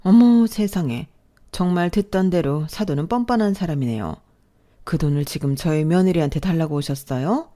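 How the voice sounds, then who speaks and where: A woman voicing a rich, sharp-tongued older mother-in-law in a haughty, scornful manner, read as storybook dialogue. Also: on the low side, lively intonation, normal speed, close to an everyday voice.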